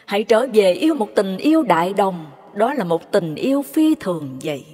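A woman narrating devotional stories in a measured, reverent way. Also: mid-range voice, very animated, darkish tone. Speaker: storyteller. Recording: long hall reverb.

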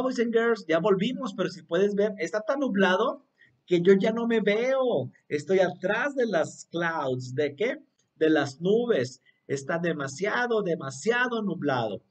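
Male children's teacher, slightly high voice, slow and coaxing, recorded from a distance. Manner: cheerful, coaxing, asks children to repeat words. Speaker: English teacher. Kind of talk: online lesson for young children.

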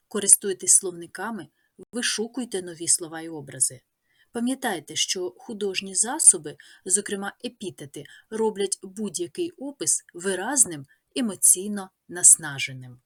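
A woman teacher with a Ukrainian accent, reading a scripted lesson in a measured way and listing words one by one. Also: on the low side, expressive, breathy edge.

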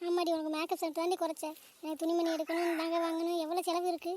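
A woman's voice: very high-pitched, level tone, quick pace, darkish tone, a little hiss or hum. A woman voicing a scolding, melodramatic middle-aged mother in a cartoon family drama. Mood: grumbling. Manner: nagging, melodramatic.

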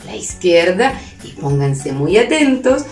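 A Chilean woman, a preschool educator, tells a picture-theater story to small children. Her delivery is sing-song and lively, with pitch rising and falling constantly. The room is echoey, with soft music in the background. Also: slow. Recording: roomy room with faint music.

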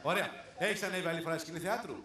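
A man's voice: fairly high pitch, sharp tone. A male comedian hosting a live stage show, calling up audience volunteers and teasing them playfully, often laughing. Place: large theater stage with audience. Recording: echoey live theater with crowd noise.

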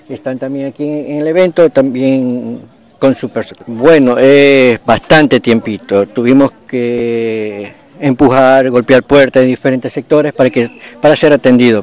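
Halting Ecuadorian man speaking at an event. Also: medium pitch, a little mellow. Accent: Ecuadorian Spanish. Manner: halting, repeats "pues, ¿no?". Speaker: community leader. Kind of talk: impromptu speech at a local event.

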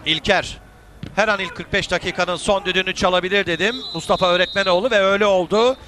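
A man's voice: high-pitched, fast talker, background noise. A man giving live football commentary, calling out players' names as he follows the play. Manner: calls players' names, excitable shouts at key moments.

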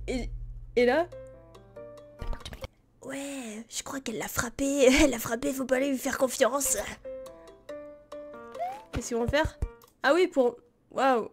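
A young woman live-streaming reaction commentary, talking casually and rambling, with many fillers and frequent laughs. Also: a little high. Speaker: streamer reacting to parody videos.

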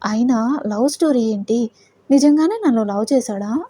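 A woman's voice: fairly high pitch, moderate pace, warm tone, lightly acted. Woman voicing a defiant, hurt young bride. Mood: wondering. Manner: pleading, confrontational.

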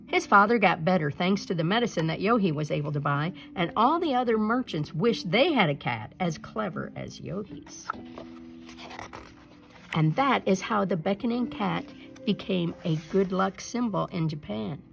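Soft music plays behind a woman narrating a children's picture book in an expressive storyteller style. She has a mid-range voice with some vocal fry and reads at a normal speed.

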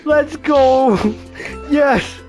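A man's voice: extremely high pitch, steady tone, drawn-out words, darkish tone, soft background music. A young man streaming a game with friends, laughing and mock complaining. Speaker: gaming streamer. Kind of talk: casual gaming chat.

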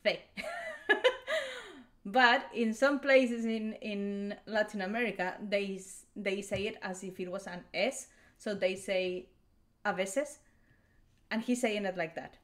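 A woman's voice: mid-range voice, fairly even intonation, unhurried, few pauses. Chatty Spanish-accented woman reacting. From Spain. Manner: chatty, explaining with frequent restarts and small laughs. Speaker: reaction video host. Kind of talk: casual commentary.

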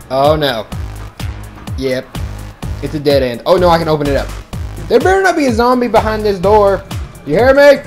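A young man giving excitable, casual commentary as he plays a game, talking to himself and his viewers. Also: on the high side. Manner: excitable, talks to himself and viewers, shouts when he falls. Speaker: gaming video host.

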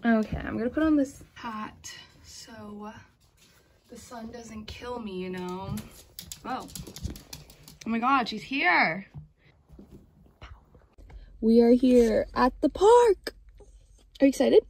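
A woman's voice: fairly high pitch, animated, slow pace, long pauses, slight background noise. A young adult woman chatting casually and playfully for a vlog, with giggly asides and exclamations. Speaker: vlogger. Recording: music behind the voice. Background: music.

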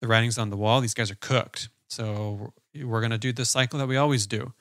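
A man's voice: medium pitch, steady tone, a little fast, fairly bright tone, no room sound, clean studio sound. Blunt, gloomy male podcast guest. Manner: blunt, opinionated, pessimistic. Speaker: guest commentator. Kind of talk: casual podcast chat.

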